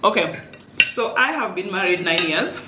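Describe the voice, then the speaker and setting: A woman's voice: medium pitch, expressive, normal speed. Chatty woman in an echoey room. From Kenya. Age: 30s. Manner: chatty, emphatic, laughs often. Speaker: vlogger host. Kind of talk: casual chat over food. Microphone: camera mic. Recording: roomy echo with light noise.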